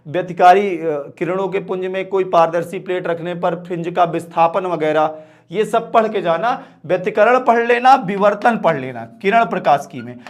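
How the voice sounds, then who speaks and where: A man's voice: sits high, normal speed. A man teaches an exam-prep physics lesson. He talks straight to his students, firm and familiar, and keeps checking that they follow. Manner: direct, repeats "ठीक है" and calls students "बेटा".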